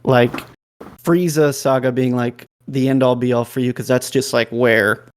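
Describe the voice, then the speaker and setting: Podcast guy thinking out loud, lots of likes, mid-pitched voice. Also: steady tone, moderate pace, slight background noise. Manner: reflective, heavy use of "like". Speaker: podcast panelist. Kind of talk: casual chat.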